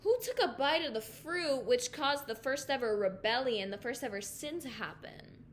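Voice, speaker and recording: A young woman with a fairly high voice hosts a faith podcast, moving between heartfelt prayer and chatty, filler-heavy talk. Her delivery is earnest and emotional. A faint hiss of noise sits under the recording. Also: animated, moderate pace. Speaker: podcast host.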